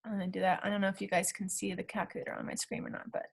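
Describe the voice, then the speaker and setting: A woman's voice: mid-range voice, wildly swooping pitch, racing, vocal fry, husky. A woman teacher talking through math problem steps aloud in a recorded lesson, checking in with the class as she goes.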